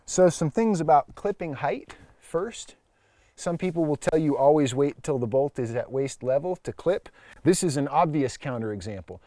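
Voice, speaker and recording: Speaking at normal speed in a slightly high, animated, warm voice, a climbing instructor demonstrates hands-on while climbing at a wall or crag. He explains everything in a plain way, and there's no room sound on the audio.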